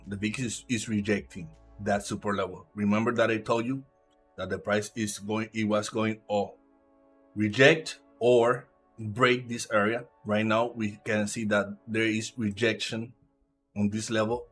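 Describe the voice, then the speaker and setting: A man from Puerto Rico with a Puerto Rican Spanish accent and Spanish as his first language, giving halting live trading commentary while he reads the chart aloud. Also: on the low side, flat delivery, a bit bright, faint music behind. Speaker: live trader.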